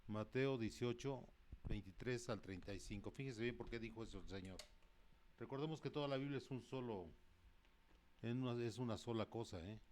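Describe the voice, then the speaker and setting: A man preaching a sermon, reading Bible verses and explaining them in plain asides, often stopping to correct himself. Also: lowish voice. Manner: reads scripture with rising emphasis and loudness.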